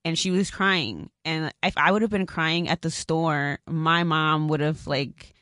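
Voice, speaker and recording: Candid young mom chatting, swears freely. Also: female voice, deep voice, a little slow, fairly bright tone, no room sound, clean studio sound. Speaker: podcast co-host. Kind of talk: casual chat.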